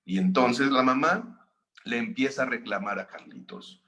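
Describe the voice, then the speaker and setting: Man, Mexican accent, seminar facilitator, calm narrative lecture, bright tone. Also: medium pitch, moderate pace. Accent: Mexican Spanish. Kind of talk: storytelling lecture.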